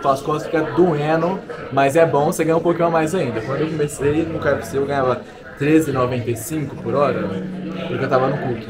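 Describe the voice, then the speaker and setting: A young exchange student from Minas Gerais, Brazil, jokes and chats about his life abroad in a casual interview inside a pub, his voice on the high side over a noisy crowd. He talks fairly quickly with fairly even intonation, in a jokey, chatty, self-mocking way.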